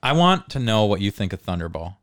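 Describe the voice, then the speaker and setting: A man's voice: fairly low pitch, big pitch swings, brisk, fairly bright tone, no room sound, studio quality. A man chatting casually as a podcast co-host, laid-back and sweary, peppering his talk with dude and like. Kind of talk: casual chat.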